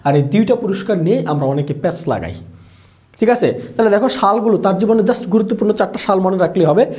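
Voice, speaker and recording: Male tutor, live online class, high-pitched and rapid, drills answers by repetition. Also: expressive, a little mellow. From Bangladesh. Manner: repeats questions and drills answers, urging viewers to comment. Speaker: Bangla teacher for admission exams. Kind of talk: live online exam-prep lesson.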